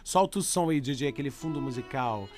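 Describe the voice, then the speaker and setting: With a music bed running under his voice, a podcast host with a Brazilian accent animatedly talks about pets, chatting with listeners and reading stories aloud. He is gushing, exclamatory and casual, addressing the audience directly. His mid-range voice is lively, a bit fast and somewhat dark in tone.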